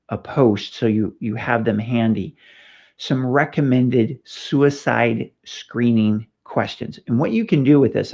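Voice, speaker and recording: Gravelly-voiced man teaching police skills. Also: medium pitch, darkish tone. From California. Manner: conversational, anecdotal, with frequent fillers and restarts. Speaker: police trainer host. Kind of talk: casual instructional talk. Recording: slightly dull lo-fi recording.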